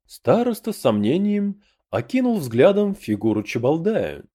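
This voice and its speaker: A man reads a fantasy audiobook aloud in a mellow, dark-toned voice. His pitch moves a lot as he tells the story, and he shifts into a different voice for each character. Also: measured pace. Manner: lively storytelling, voicing each character in turn. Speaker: audiobook narrator. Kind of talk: scripted narration of a fantasy audiobook.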